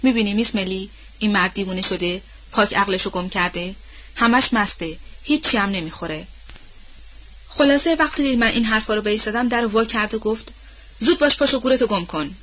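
A troubled old house servant, voiced by a woman narrator at a middling pitch. She talks plainly and colloquially, full of guilt, in an audiobook. The audio is a little dull and lo-fi. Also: fairly bright tone, natural voice. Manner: plain-spoken, colloquial storytelling. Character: older female house servant, anxious and guilt-ridden.

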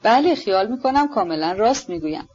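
A woman reading an audiobook, voicing a gentle, earnest young nobleman who speaks softly and sincerely. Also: medium pitch, lively intonation, slightly rough, lo-fi sound. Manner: soft, hesitant, sincere.

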